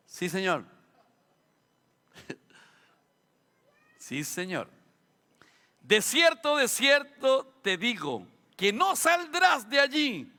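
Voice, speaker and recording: High, bright Chilean pastor preaching. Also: male voice. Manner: rhetorical questions and humorous asides. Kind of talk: sermon. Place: church sanctuary. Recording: long church hall reverb.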